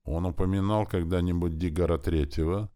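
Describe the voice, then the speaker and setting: A man's voice: low-pitched, steady tone, fairly quick, mellow, clean tone, natural voice. A man voicing a ruthless warrior prince who speaks in a hard, cold, menacing way. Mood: cold menace.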